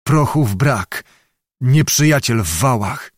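A man's voice: mid-range voice, animated, takes it slowly, no room sound, studio quality. A male narrator voicing an exhausted, starving young knight who gives short, weary answers. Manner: weary, terse replies.

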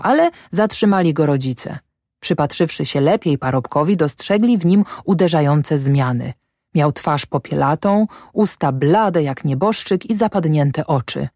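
A woman narrating a classic novel in a measured, dramatic storytelling manner. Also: deep voice, mellow, no echo, clean studio sound. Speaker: audiobook narrator. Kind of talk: scripted literary narration.

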